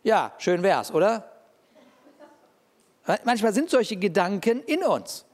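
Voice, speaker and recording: A man preaching a sermon in a lively, conversational way, often checking in with his listeners. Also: sits high, slow pace. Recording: long reverb of a large hall.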